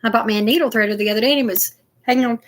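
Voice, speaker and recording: A woman's voice: a little high, rapid-fire. An older woman chatting casually and rambling to viewers as she unboxes craft supplies. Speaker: crafting vlogger.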